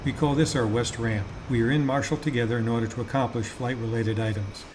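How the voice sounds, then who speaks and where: A man giving measured, methodical and formal scripted instruction as a flight simulator teacher. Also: medium pitch, steady tone, noisy background.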